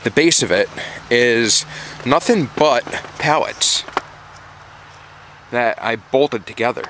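He speaks slowly in a mid-range voice with a fairly bright tone. This chicken keeper and vlogger explains things informally, going back over points to emphasize them, both outside in the yard and inside a small wooden coop. The clip is noisy handheld-camera audio, shot by an operator behind the camera.

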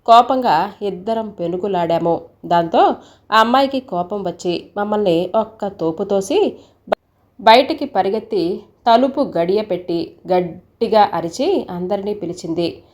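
A woman's voice: medium pitch, expressive, unhurried, a little mellow. Woman reading a short story aloud. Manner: voices characters' lines in the same voice. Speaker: story narrator.

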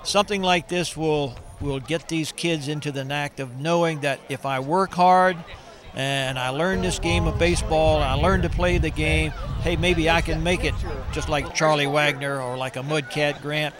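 A man's voice: a little high, fairly even intonation, moderate pace. Older man reminiscing over crowd noise. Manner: reminiscing, hesitant restarts. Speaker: interviewee at ballpark opening. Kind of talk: casual interview answers. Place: outdoor ballpark. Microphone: handheld reporter mic.

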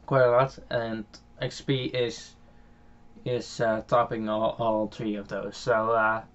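A man's voice: lowish voice, flat delivery, takes it slowly, muffled recording. A young man with a Dutch accent giving casual, rambling gameplay commentary at home, full of fillers and restarts. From Netherlands. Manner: rambling, many fillers and restarts, chuckles often. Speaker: gaming channel host. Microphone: home microphone.

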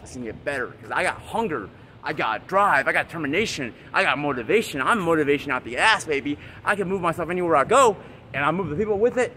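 A man's voice: fairly high pitch, sharp tone. Man, hyped motivational vlogger, boastful and profane, faint street noise behind him. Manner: boastful, hyped, swears freely. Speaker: vlogger giving motivational advice. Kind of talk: casual motivational monologue.

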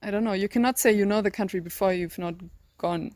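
An eighteen-year-old woman from northern Germany, interviewed as a volunteer, speaks German-accented English as her second language in a mid-range, slightly mellow voice with fairly even intonation. She searches for words thoughtfully, full of ums, pauses and restarts. The interviewer captures it on a handheld phone outdoors in a garden, with no room sound.

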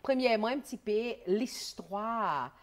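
A middle-aged woman hosting a television studio interview, asking questions in a halting way with frequent restarts, on a lapel mic. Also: on the high side, lively intonation. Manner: halting, many restarts and fillers. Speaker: TV host. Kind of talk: studio interview, switching languages. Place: TV studio, indoors.

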